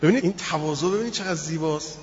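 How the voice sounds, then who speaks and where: A man preaches a sermon and tells a story with lively expression, acting out the voices of its people. His voice sits high. It echoes through a reverberant hall, and the recording sounds dull and muffled. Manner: expressive, acts out quotes in the story.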